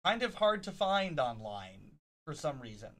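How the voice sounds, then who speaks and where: A man hosting a casual news rundown, halting often with fillers and restarts. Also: a little high, big pitch swings, fairly bright tone, rough recording. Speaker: podcast host.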